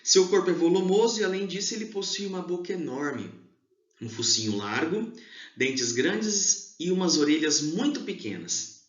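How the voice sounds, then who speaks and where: Lively man teaching children slowly. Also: high voice. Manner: slow, emphatic explaining, stressing syllables. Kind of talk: exam review lesson for children. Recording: echoey room, dull lo-fi sound.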